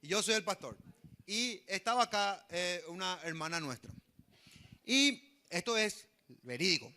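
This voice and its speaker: A man delivers a lively sermon. His voice sits high and sounds bright and forward. He keeps asking the congregation questions and acts out quoted voices. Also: a little slow. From Paraguay. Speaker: pastor.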